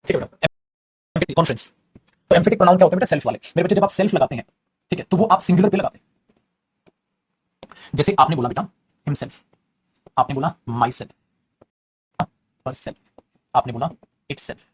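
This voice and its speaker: A man teaching an English grammar class, talking quickly and chattily and calling his students "beta". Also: a little high, lively intonation, slightly rough. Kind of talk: classroom grammar lesson in Hindi.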